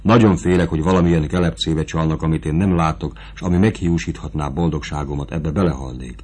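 Man reading as a young prince, lovesick and anxious, deep voice, earnest storybook reading. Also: fairly even intonation, a little mellow, slightly rough.

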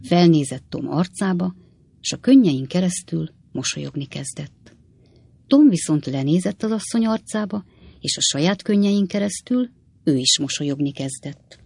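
A narrator tells the story slowly, speaking to the listeners. The voice sits at a middle pitch, and the sound is dry and close to the mic. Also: animated, creaky, darkish tone, slightly rough, no echo. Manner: slow, storytelling, addressing listeners. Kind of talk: audiobook narration.

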